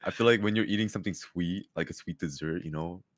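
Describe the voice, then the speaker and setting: A man's voice: low-pitched, fast, a crowd in the background. A man who has just woken up, chatting as a stream guest in a laid-back, slangy way. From Canada. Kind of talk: casual chat.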